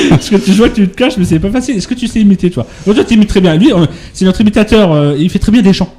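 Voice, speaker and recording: A man's voice: high-pitched, lively intonation, quick pace, dark tone. A male radio host leading a casual, jokey chat, often laughing and rambling.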